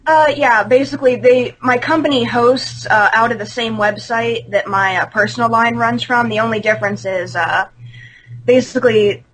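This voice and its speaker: A woman's voice: a little high, steady tone, normal speed, a bit bright, low-quality recording. A woman in her twenties, a podcast guest on a video call, talking candidly and laughing often. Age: 20s. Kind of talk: casual podcast chat. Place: at home on a call.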